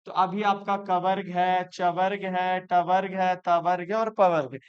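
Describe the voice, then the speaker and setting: Clear-voiced grammar teacher. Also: male voice, high-pitched, level tone, a little slow, dull audio. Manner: repetitive, asks and answers his own questions. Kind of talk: classroom grammar lesson. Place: classroom with students.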